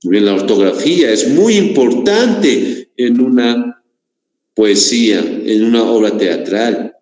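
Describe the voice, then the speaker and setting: A man's voice: medium pitch, lively intonation, takes it slowly, a little mellow. A male teacher giving a class lecture, often asking his students rhetorical questions, with a Bolivian Spanish accent. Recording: echoey room, long reverb.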